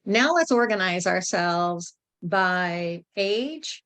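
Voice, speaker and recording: Slow-talking woman in her fifties. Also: lowish voice, animated, fairly bright tone. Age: 50s. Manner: unhurried, thinking aloud with fillers and "right?". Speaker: workshop facilitator. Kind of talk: casual group facilitation on a video call. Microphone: video call.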